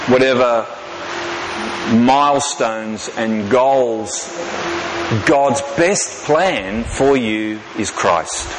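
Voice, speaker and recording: A man, preaching a sermon in a folksy, self-deprecating way, slowing down to repeat key lines for emphasis. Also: mid-range voice. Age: 50s. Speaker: pastor. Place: large church hall. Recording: reverberant hall with background noise.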